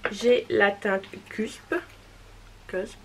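A woman's voice: mid-range voice, moderate pace, low-quality recording. Casting: chatty woman vlogger, casual haul, faint hiss behind. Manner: chatty, repeats "voilà" often, apologetic. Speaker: beauty vlogger. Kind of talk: casual makeup haul vlog.

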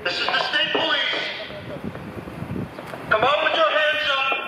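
Man, police officer, through a megaphone, high strained voice, commanding, distant echoing street, loud noise. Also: measured pace. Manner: commanding, repetitive orders. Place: outdoors on a street. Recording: echoey, distant, noisy street recording.

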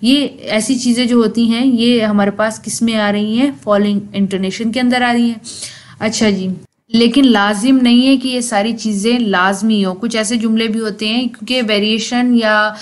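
A woman's voice: on the high side, fairly even intonation, normal speed. A young woman, teaching a lesson and explaining step by step with spoken examples. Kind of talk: lecture.

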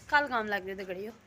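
A woman's voice: a little high, fairly bright tone. Chatty woman vlogging on a noisy street. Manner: chatty, complaining, addresses viewers as friends. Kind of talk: casual vlog to camera. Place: outdoors in a market and streets.

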